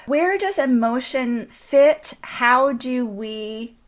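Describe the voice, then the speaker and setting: A woman interviewer speaking conversationally, with thoughtful and measured phrasing. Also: high voice, expressive.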